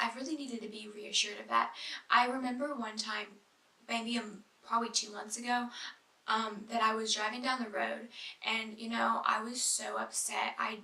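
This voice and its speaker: Earnest young woman, bright gravelly voice. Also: on the high side, steady tone, moderate pace. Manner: earnest, filler-heavy, drops to soft whispery asides. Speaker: Bible study vlogger. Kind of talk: casual devotional talk. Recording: echoey room, mic at a distance.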